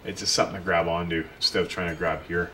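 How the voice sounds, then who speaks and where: A deep-voiced pool and spa technician talks quickly and flatly, his tone fairly bright, as he guides the viewer through a repair at his workshop bench. The tutorial is casual and hands-on, plainly and roughly explained as he works, amid tool clicks and shop noise.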